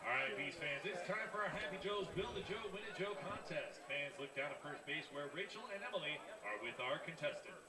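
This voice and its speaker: A man's voice: fairly high pitch, animated, fairly quick, few pauses. Man announcing over the stadium intercom. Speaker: stadium public address announcer. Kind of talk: ballpark announcements. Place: outdoor ballpark. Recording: echoey loudspeaker from far off, loud crowd. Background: loud crowd.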